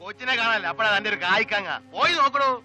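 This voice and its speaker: An actor playing an older grandfather in a 1980s film, talking in a gruff, scolding and teasing way. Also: high voice, rapid-fire, sharp tone, faint music behind, poor audio.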